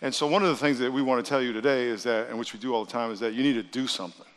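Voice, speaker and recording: A man's voice: medium pitch, rapid-fire. Male pastor for a motivational sermon: folksy, direct, calls for audience response, big reverberant hall sound. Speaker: pastor preaching to a congregation. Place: large church auditorium with long reverb.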